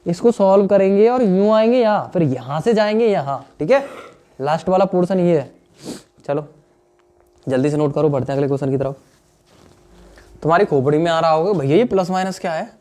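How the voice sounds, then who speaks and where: A young man teaches a maths lesson explaining solutions, chatting with the class, calling them "dear friends" and often asking "understood or not?" to check they followed. His voice is on the high side and dark in tone, animated and brisk, with long pauses.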